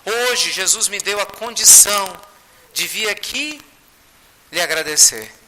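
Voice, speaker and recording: A man's voice: high-pitched, animated, a little slow, sharp tone, voice pushed up, full character voice. A man voicing a radiant, grateful young female spirit who speaks heartfelt thanks. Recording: reverberant hall, faint noise.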